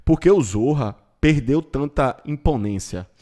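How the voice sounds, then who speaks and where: Casting: man, Bahian accent, medium pitch, slangy and opinionated co-host of an informal chat. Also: lively intonation, a little slow, dark tone. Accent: Bahian Brazilian. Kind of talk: casual group chat.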